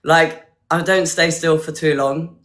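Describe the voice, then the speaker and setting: A woman from Hertfordshire with a bright, forward voice. She talks in a casual, rambling way, as a contestant chatting over a video call. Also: sits low, fairly even intonation, unhurried. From Hertfordshire, England. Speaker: dating show contestant. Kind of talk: casual chat.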